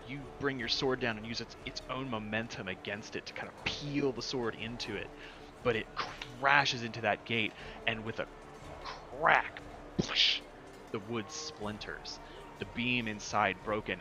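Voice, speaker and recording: A man's voice: lowish voice, normal speed, noisy background. A man narrating a tabletop game as game master, describing the action vividly. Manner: vivid, energetic scene description. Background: music.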